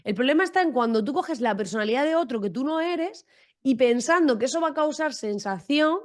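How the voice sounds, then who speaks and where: A woman from Almería speaks in a podcast interview. Her voice sits fairly high. She talks frankly and directly, with a humorous edge. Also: animated, brisk. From Almería, Spain. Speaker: guest entrepreneur.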